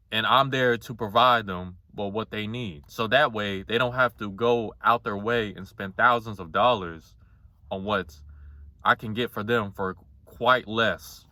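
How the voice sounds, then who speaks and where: A man in his twenties with a somewhat monotone voice, talking casually and bluntly to the camera in a rambling, confessional way with some swearing. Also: lowish voice, no room sound. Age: 20s. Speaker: vlogger.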